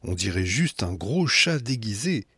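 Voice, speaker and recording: A man voicing a grumpy, jaded little girl who snaps and croaks her lines in a storybook reading. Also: on the low side, big pitch swings, a little slow, sharp tone, no echo, full character voice. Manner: croaking, snapping.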